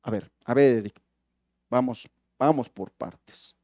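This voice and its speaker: A man voicing a pastor who questions a troubled man calmly and softly. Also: mid-range voice, slow pace, no echo, clean studio sound, pitched below the performer's own voice, natural voice. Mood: calm probing. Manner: calm, questioning, soft-spoken. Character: calm, probing male pastor counseling.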